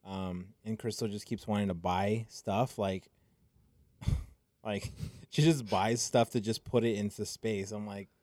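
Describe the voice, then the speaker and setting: A young man from Phoenix talks in a loose, rambling way, full of fillers and easy laughter. He sounds a little tipsy and loopy. His voice is lowish and mellow, recorded dry and close. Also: fairly even intonation, measured pace, no echo. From Phoenix, Arizona. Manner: laid-back and rambling, many fillers and laughs. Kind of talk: casual chat.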